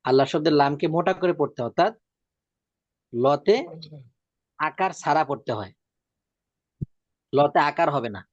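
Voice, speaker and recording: A man's voice: a little high, animated, no echo. Patient male Quran reading teacher, dry lo-fi sound. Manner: drawn-out slow demonstration of words; repeats rules patiently. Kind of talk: religious reading lesson.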